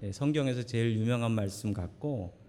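Man preaching a lively emphatic sermon. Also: medium pitch, brisk. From Seoul. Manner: earnest, lively emphatic preaching with folksy asides. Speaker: pastor. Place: church sanctuary.

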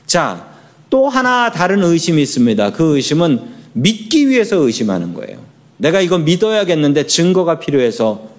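A man's voice: fairly high pitch, darkish tone. A middle-aged man preaching a sermon as pastor, leading the congregation in responses and telling light anecdotes. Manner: leads congregation in responses, tells humorous anecdotes.

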